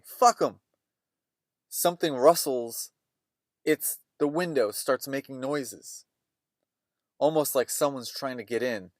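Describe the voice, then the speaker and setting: A man's voice: mid-range voice, no echo, clean studio sound. Opinionated male movie-recap podcaster. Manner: rambling, opinionated, conversational retelling. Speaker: podcast host.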